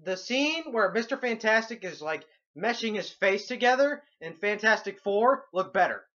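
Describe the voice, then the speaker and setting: A young man ranting sarcastically through a movie review, swearing constantly and breaking into loud outbursts. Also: high-pitched, dull audio.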